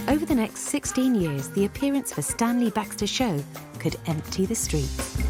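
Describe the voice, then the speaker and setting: Brief: female documentary narrator, animated delivery, music under. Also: medium pitch.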